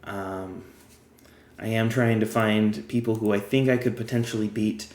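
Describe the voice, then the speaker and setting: Slightly low man with a fading voice. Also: fairly even intonation, measured pace, a little mellow, echoey room. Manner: chatty, explains step by step while playing. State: losing his voice. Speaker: game guide creator. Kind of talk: casual gameplay tutorial.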